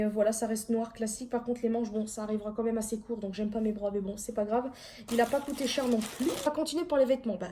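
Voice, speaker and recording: A woman's voice: fairly high pitch, mellow. A young woman chatting casually at home in a rambling, self-deprecating way, showing her haul to camera. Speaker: vlogger.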